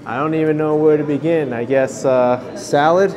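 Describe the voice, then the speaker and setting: A food vlogger with a fairly high voice narrates casually at a roadside restaurant in a hot desert town, tasting one dish after another and relishing each bite with enthusiastic comments. He speaks at a normal speed in a steady tone over music, with the highs cut off.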